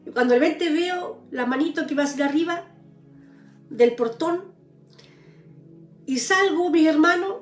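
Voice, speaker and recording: Give me an earnest high-voiced woman. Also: echoey room. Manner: earnest, tearful pleading prayers, addresses listeners as brothers. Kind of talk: live-streamed personal testimony.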